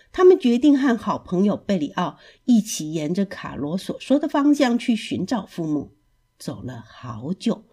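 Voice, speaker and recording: A woman narrating a children's storybook in an expressive, lilting way. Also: medium pitch, breathy edge.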